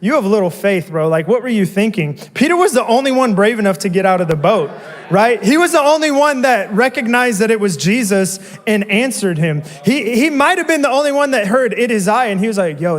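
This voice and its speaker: A young man gives a relaxed, slangy youth sermon. His voice sits high for a man. The hall around him rings with a long reverb. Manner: conversational, slangy preaching with asides. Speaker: youth pastor. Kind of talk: casual sermon. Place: church hall.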